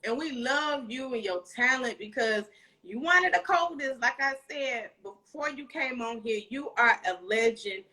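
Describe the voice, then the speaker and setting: A woman's voice: fairly high pitch, expressive, measured pace, pushed and bright. A woman in her thirties with an Alabama Southern accent, hosting a casual live interview in an encouraging, emphatic way. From Alabama, United States. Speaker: interview show host. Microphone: phone at arm's length, video call.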